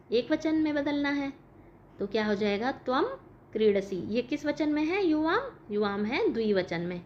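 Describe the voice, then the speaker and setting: A woman teacher explaining a school lesson, asking questions and answering them herself. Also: on the high side. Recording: dull lo-fi recording with faint noise.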